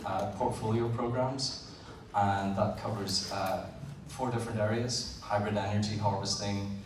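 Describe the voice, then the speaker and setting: Speaking live to an audience in a big event hall, this Northern Irish engineer keeps his voice lowish and steady. His delivery is plain and somewhat halting, full of "uh"s and repeated words, and the distant, roomy recording carries background noise.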